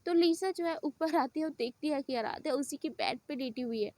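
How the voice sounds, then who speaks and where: Female storyteller, high voice, casual and chatty retelling. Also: a little fast, darkish tone, no echo.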